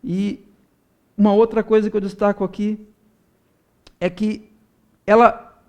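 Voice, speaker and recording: A man preaching an earnest sermon to viewers watching online, his voice swelling loud as he voices pleas to God. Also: high voice, level tone, unhurried. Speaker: pastor.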